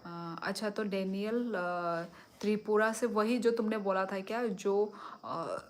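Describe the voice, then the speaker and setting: At home at night, a middle-aged woman from Tripura, India hosts a livestream on her phone mic, casually chatting and reading comments. Slow and easygoing, she answers viewers one by one in a mid-range voice.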